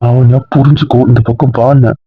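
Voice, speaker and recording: A man's voice: mid-range voice, flat delivery, a little fast, no echo, natural voice. An actor playing a stern young man who lectures his family in a comedy-drama skit. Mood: defiant teasing. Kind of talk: casual web-series acting. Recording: tinny phone-like dry sound.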